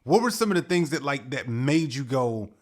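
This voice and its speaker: Man, forties, podcast host, medium pitch, rambling, self-correcting questions. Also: animated, normal speed. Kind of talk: conversational interview.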